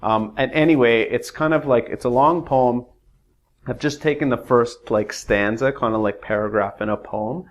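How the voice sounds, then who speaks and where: A man's voice: medium pitch, normal speed. A man teaching a casual English pronunciation lesson, rambling and hesitant with many fillers. When reading verse, he uses exaggerated rises and falls.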